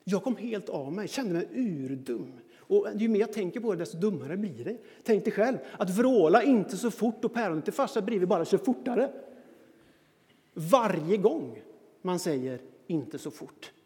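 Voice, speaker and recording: High-voiced self-mocking male storyteller. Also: sing-song, a little mellow, long reverb tail. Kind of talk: personal anecdote monologue.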